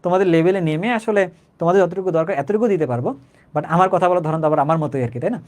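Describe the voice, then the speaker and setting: A man's voice: high-pitched, a little mellow. A young man with a Bangladeshi Bengali accent teaching a live chemistry class, conversational, repeating points and checking that students understand. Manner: says he talks slowly, repeats himself.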